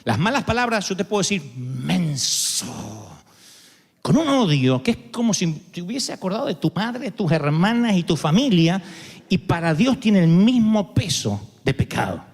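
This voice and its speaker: A male pastor with a Rioplatense accent preaches with ironic humor and lively storytelling. His voice sits high for a man and leaps up and down through each phrase. A long reverb from a large church auditorium follows his words. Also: moderate pace. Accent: Rioplatense Spanish. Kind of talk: sermon.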